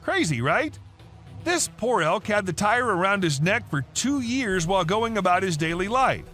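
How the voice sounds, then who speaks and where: Bright, high-pitched man narrating wildlife clips. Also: very animated, moderate pace, faint music behind. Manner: chatty storytelling with rhetorical asides to the listener. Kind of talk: scripted wildlife video narration.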